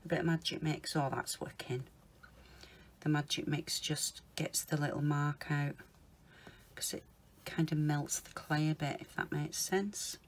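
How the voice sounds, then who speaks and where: A woman talking viewers through a polymer clay project, chatting casually, calling them guys and murmuring softly to herself as she works. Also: low-pitched, fairly even intonation, a little slow. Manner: chatty, often calls viewers guys, mutters softly to herself while working. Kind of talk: casual crafting tutorial.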